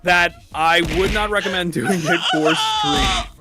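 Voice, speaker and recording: A man's voice: sits high, huge pitch swings, a little slow, over loud music. A man chatting as a streamer guest in a casual interview, rambling with lots of fillers, laughing and swearing.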